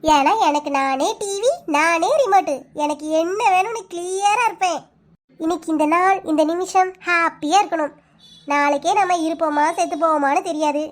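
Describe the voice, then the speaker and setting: A woman's voice: very high-pitched, moderate pace. A woman voicing a carefree, cheerful young woman who talks breezily in a Kanyakumari Tamil accent, in a cartoon. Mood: breezy. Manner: breezy, teasing.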